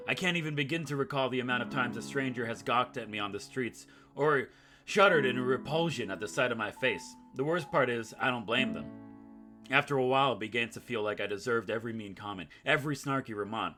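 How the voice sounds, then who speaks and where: A gaming YouTuber hosts a let's play, reading game text aloud in a mid-range, brisk, pushed and bright voice and breaking in with sarcastic, self-mocking asides. Acoustic guitar game music plays behind him.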